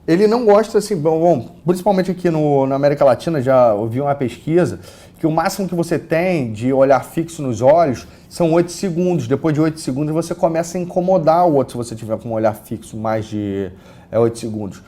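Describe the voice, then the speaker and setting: A man with a Brazilian accent giving an online course lecture on a lapel mic, casual and full of fillers and repeated words, swinging between loud and soft. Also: fairly high pitch, fairly quick. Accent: Brazilian Portuguese. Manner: casual, many fillers and repeated words, lively shifts in loudness. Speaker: course instructor.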